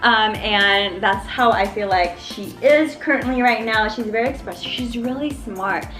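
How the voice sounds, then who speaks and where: This young woman sounds a bit high and fairly bright, speaking at a normal speed with faint music in the background. She's a mom vlogger giving a casual, happy baby update at home in her living room, chatty and upbeat, addressing "you guys" and occasionally mimicking her baby's noises.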